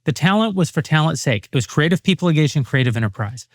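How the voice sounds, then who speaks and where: A man on a discussion panel, laying out an argument in measured, full sentences. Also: a little high, lively intonation, dry recording, clean studio sound.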